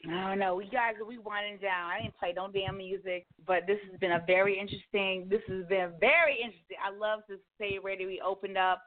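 A woman's voice: medium pitch, steady tone, fairly quick, few pauses. A woman hosting a radio talk show, speaking candidly and casually, repeating points for emphasis. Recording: slightly dull lo-fi audio.

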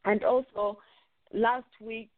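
A middle-aged woman hosts a roundtable discussion in a measured, halting way over the phone. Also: fairly high pitch, level tone, no room sound. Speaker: radio host. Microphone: phone call. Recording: tinny phone line.

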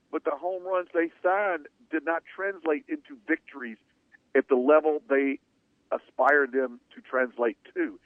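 A man's voice: a little high, dry recording. A man hosting sports talk radio, talking in an opinionated, conversational way, heard through a fuzzy, distorted radio signal. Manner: opinionated, conversational, rhetorical questions. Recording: tinny distorted AM radio broadcast, dry.

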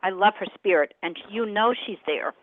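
A woman's voice: medium pitch, moderate pace, a little hiss or hum. Direct, chatty woman medium, phone-like sound. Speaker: psychic medium giving readings to callers. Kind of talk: casual live readings, conversational. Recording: narrow band, phone-like audio.

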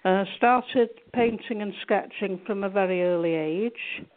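A woman's voice: medium pitch, a little slow. A woman from England answering interview questions about her art, hesitant, with many fillers and restarts. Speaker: guest artist. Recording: tinny phone line.

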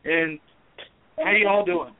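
A man's voice: on the high side, steady tone, slow pace, a crowd in the background. A man calling into a talk show, delivering a heated, profane political rant. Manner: profane, fired-up, repetitive. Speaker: call-in guest. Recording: tinny phone line.

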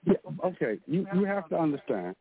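A man's voice: on the high side, very animated, fairly quick, breathy edge. A male pastor calling in to a radio talk show. His call carries an echo from a second device, and he repeats words and restarts while he is cut off. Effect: echo from a second device on the line. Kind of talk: casual call-in chat. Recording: tinny phone line with echo.

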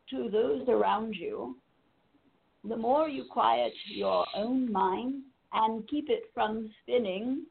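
Woman channeling a slow, serene seance-medium spirit guide. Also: mid-range voice, vocal fry. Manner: measured, formal phrasing with drawn-out pauses and endearments. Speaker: trance channeler and spiritual medium hosting a call-in show. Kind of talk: seance medium channeling, solemn spiritual address with live callers. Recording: muffled lo-fi audio with faint noise.

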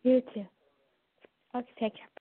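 A woman's voice: moderate pace, phone-quality sound. A woman from Canada calling in over the phone, politely asking her question in brief replies. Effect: heard over the phone. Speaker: caller.

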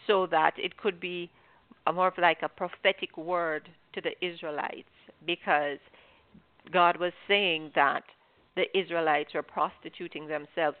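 Earnest woman teaching on a phone line. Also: on the low side. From Jamaica. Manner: earnest, instructive. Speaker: host.

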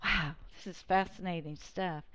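A woman hosting a casual podcast, asking hesitant questions and reacting with soft interest. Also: fairly low pitch, steady tone, normal speed. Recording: dull lo-fi recording.

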